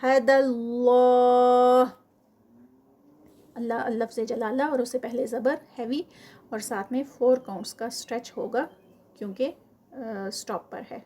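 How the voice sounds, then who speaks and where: A woman teaching a tajweed lesson. She recites verses slowly and drawn out, then explains the rules quickly. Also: a little high, fairly even intonation, warm tone, a little hiss or hum.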